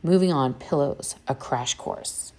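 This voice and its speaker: A woman's voice: deep voice, measured pace, dark tone. A woman hosting a casual how-to video, chatty and eager, talking straight to her viewers. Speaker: vintage reseller host. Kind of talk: casual how-to talk to camera.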